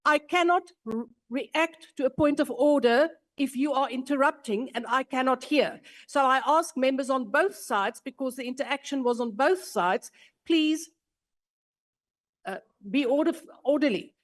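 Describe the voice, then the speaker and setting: A woman's voice: high-pitched, moderate pace, hardly any pauses. A woman presiding as deputy speaker, formally and firmly calling for order over interruptions. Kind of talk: formal procedural rulings. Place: parliament chamber.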